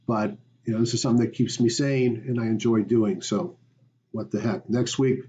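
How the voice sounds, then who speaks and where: A man's voice: medium pitch, fairly even intonation, moderate pace, warm tone, a little hiss or hum. A man, a stock market educator, hosting a weekly market review, talking conversationally and rambling with fillers.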